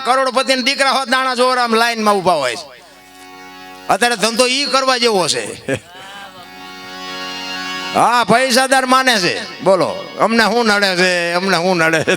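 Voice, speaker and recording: A man giving a folk discourse to a live audience, rustic and preachy, swinging between loud outbursts and soft asides. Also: extremely high pitch. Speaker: folk storyteller and speaker.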